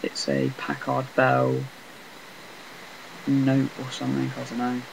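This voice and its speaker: A man casually rambling through commentary on a game he is playing, talking in a flat, self-deprecating way on a laptop mic. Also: medium pitch, takes it slowly, gravelly, noisy background. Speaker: gameplay commentator.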